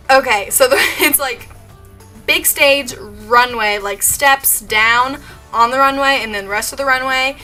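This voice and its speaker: A woman's voice: on the high side, bright, forceful tone. A young woman telling a story in a casual vlog, gushing and giggly, with lots of "like" and restarts. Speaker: vlogger.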